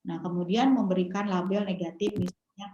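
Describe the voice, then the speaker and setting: A woman's voice: fairly low pitch, steady tone, a little fast, mellow, lo-fi sound. A woman with a Sundanese-tinged Indonesian accent giving a parenting seminar, telling stories with animation and acting out parents' and children's lines. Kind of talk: seminar talk. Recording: echoey room.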